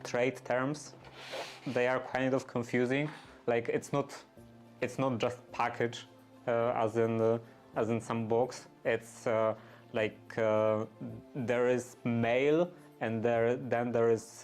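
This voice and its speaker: A man chatting casually and unscripted, halting and often searching for his words. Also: mid-range voice, a little mellow. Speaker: streamer doing workshop restoration.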